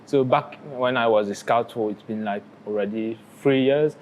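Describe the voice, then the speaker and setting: A twenty-year-old man from Mauritius, a student guest on a podcast, speaking in a friendly, slightly halting way. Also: mid-range voice, a little mellow, a little hiss or hum, poor audio. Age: 20s. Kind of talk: casual podcast chat.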